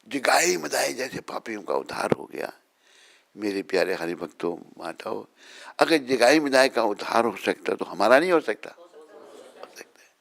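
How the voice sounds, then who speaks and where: A man's voice: on the low side, gravelly, fairly bright tone. A man, a swami, giving a morning sermon, telling stories, chiding listeners and chanting prayers. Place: temple gathering.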